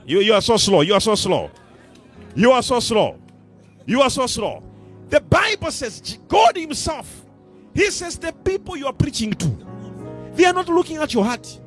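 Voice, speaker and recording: A man's voice: very high-pitched, big pitch swings, moderate pace, pauses often, soft background music. A middle-aged man with a Malawian accent preaching a sermon on a church stage into a handheld mic, emphatic and repeating his phrases. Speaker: pastor.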